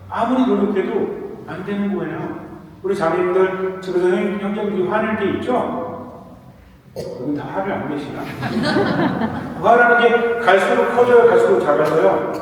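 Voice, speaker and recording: Priest, male, Korean, question-and-answer sermon cadence, higher voice, far off in a reverberant hall. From South Korea. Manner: asks the audience questions, then answers them himself. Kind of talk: sermon-style lecture. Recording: echoey hall recorded from far off.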